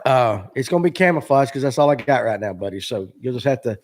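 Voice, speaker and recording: A man's voice: medium pitch, lively intonation, quick pace. A man, hosting a casual live fishing chat in a rambling, joking way with lots of fillers. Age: 40s. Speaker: show host.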